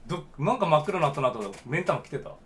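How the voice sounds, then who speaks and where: Brief: young gamer, high voice swinging wildly, jokey reactions, noisy recording. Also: male voice, very fast. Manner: excitable, jokey, reacting out loud. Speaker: game streamer. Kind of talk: let's play commentary.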